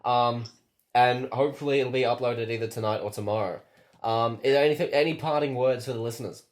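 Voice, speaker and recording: A man co-hosting a casual podcast interview over an internet call, jokey and quick to laugh. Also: medium pitch, roomy sound. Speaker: podcast co-host.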